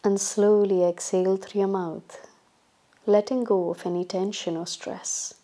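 Here a yoga instructor, a woman with a medium-pitched voice, talks listeners through a relaxation meditation. She stays calm and soothing as she instructs, pausing at length between each phrase.

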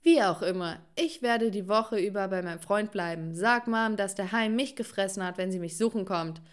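A woman voicing a sarcastic, sneering teenage twin brother in an animated story. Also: medium pitch, normal speed, smooth, natural voice. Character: mocking teenage twin brother, young man.

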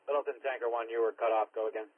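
Rapid-fire and steady in tone, a male emergency dispatcher with a mid-range voice rattles off clipped, procedural radio calls, repeating units and times. He handles fire and ambulance dispatch over a two-way radio mic. The scanner audio is narrow and tinny, with background noise.

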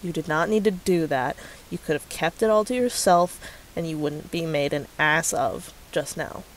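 A low-pitched woman talking at normal speed vlogs a reply to a commenter in a casual rant, swearing, sarcastic, and often laughing. The recording is rough, with slight background noise.

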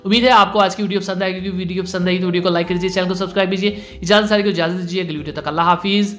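A man's voice: high-pitched, steady tone, very fast, a bit bright, faint music behind. A man hosting a cooking tutorial in voice-over, with instructive delivery that keeps repeating warnings. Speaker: cooking channel host.

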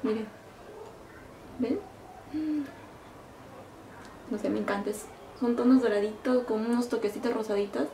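A middle-aged woman vlogger demonstrating makeup in a casual, excited, gushing way, full of fond little diminutives. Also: fairly high pitch, a little fast, slight background noise. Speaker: beauty vlogger. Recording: echoey room.

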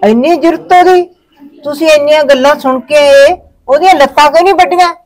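A woman's voice: high-pitched, fairly quick, natural voice. A woman acting a middle-aged village mother in a family drama, with a Punjabi accent and a nagging, anxious aunty manner. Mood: indignant. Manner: Punjabi aunty way of talking, grumbling and fretting.

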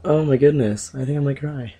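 A young man chatting excitedly over a game he is playing, rambling with filler words and sudden jumps in pitch. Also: brisk, slight background noise. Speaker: gameplay commentator. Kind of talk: casual let's-play commentary.

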